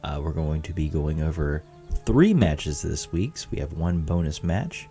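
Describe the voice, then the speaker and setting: A man's voice: rumbling low, big pitch swings, moderate pace, dark tone, faint music behind. A man hosting a card game commentary, opening the show with a plain, apologetic welcome through a faulty mic that makes his audio sound muffled and underwater. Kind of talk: casual spoken show intro.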